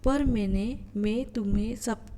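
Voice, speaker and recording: Stern angry male employer, read by a woman, slow, mellow, fairly high. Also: slight background noise. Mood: calmer.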